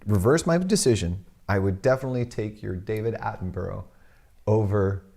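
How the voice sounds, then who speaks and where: A man's voice: fairly low pitch, normal speed, vocal fry, warm tone. A man co-hosting a casual chat, wry and rambling as he tells stories. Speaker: podcast co-host.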